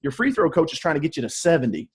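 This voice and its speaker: A man with a slightly husky voice explaining sales advice as an interview guest, informal and emphatic, with salty slang. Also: fairly high pitch, very animated, racing.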